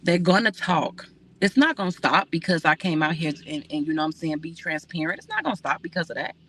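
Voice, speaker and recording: A woman's voice: low voice, animated, fairly quick, a bit bright, slight background noise. A woman hosting a casual livestream, talking candidly and reading viewer comments aloud.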